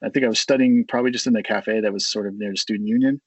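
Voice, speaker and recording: A man's voice: on the low side, steady tone, rapid-fire, breathy edge, no echo, poor audio. A young American man, a coffee company co-founder, talking as a guest in a friendly, rambling way with many fillers. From United States. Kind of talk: casual interview.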